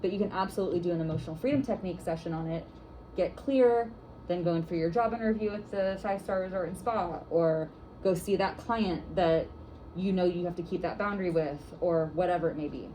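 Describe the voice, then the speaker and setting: A woman's voice: on the low side, brisk, dark tone, slight background noise, low-quality recording. A woman instructor teaching a workshop class for massage therapists, guiding and chatty with lots of "like" fillers.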